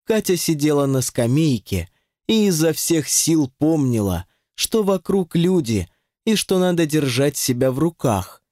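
Male narrator for a novel audiobook: lively, expressive storytelling, dry studio sound. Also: fairly high pitch, measured pace, no echo. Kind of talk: scripted narration.

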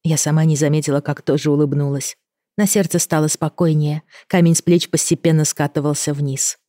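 A woman reading a first-person novel in a measured voice that drops to a hush in tense parts. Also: deep voice, flat delivery, no room sound, clean studio sound. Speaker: audiobook reader.

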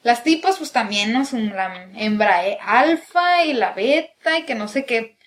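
A woman's voice: on the high side, lively intonation, measured pace. A young woman with a northern Mexican accent, co-hosting a casual podcast chat and telling stories, often mimicking other people's accents. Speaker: podcast co-host.

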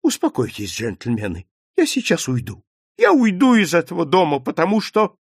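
A man voicing a terrified foreign traveller in a spoken story, pleading and crying out in a high, cracking voice. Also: huge pitch swings, moderate pace, breathy edge, no room sound, studio quality, heavily acted. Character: frightened foreign man, panicky and shrill.

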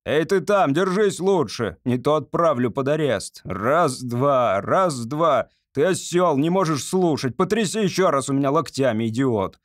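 A man's voice: a little high, animated, a little slow, hardly any pauses, dry recording, studio quality. A man voicing a bad-tempered corporal who barks drill commands and insults at recruits. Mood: barking. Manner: barked, shouted commands.

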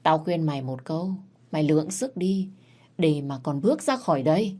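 Woman reading a scheming crown prince, taunting, menacing, low. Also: lively intonation, normal speed, dark tone.

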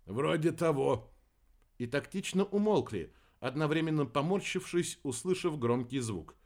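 A man's voice: on the high side, expressive, moderate pace, a little mellow. Man narrating with a wry tone. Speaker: audiobook narrator. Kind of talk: scripted narration.

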